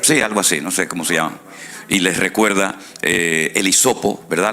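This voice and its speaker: A man's voice: deep voice, pushed and bright. A male pastor preaching a sermon in a conversational way, often checking in with his listeners through short tag questions.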